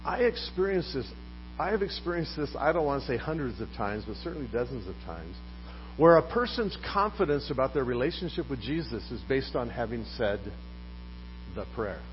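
A man preaching a sermon as pastor, putting questions to his congregation in a lively manner. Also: medium pitch, a little fast, soft background music. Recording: dull recording with faint mains hum.

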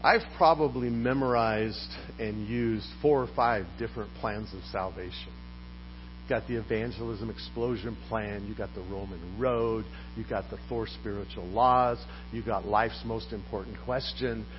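A man preaching a sermon as pastor, putting questions to his congregation in a lively manner. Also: fairly low pitch, moderate pace, faint music behind. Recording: dull recording with faint mains hum.

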